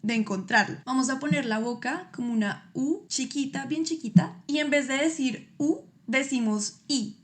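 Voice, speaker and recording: Woman, native Spanish speaker, slightly high voice, casual lesson, patient step-by-step explanations. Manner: patient, explains step by step, demonstrates sounds slowly. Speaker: amateur French teacher.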